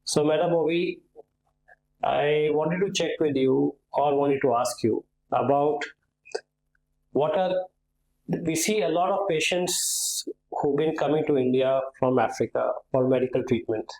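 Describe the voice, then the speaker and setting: A man's voice: fairly high pitch, unhurried, a little mellow, reverberant, poor audio. A man hosting an interview, politely introducing his guest and asking questions. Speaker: podcast host.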